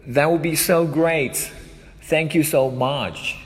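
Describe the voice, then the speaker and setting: A man's voice: fairly high pitch, slow, voice pushed up. A man reading the part of a tired young man who barely slept, answering in a plain, thankful way. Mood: weary. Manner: plain thankful reading of a learner's dialogue line. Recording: long room reverb.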